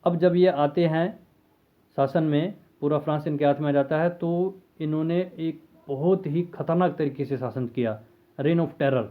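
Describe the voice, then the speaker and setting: A man teaching a history lesson in a conversational way, asking questions and answering them himself. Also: medium pitch. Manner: conversational, asks and answers his own questions. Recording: tinny phone-like lo-fi audio.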